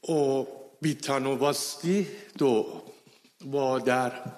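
A man telling his personal conversion story, animatedly acting out the dialogue, with halting, non-native phrasing. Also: mid-range voice, fairly even intonation, darkish tone. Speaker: testimony speaker. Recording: reverberant hall.

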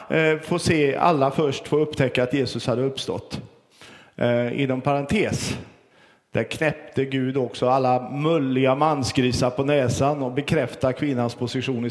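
A middle-aged man preaching a sermon as pastor, earnest and storytelling, with pauses and fillers. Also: on the high side, long reverb tail.

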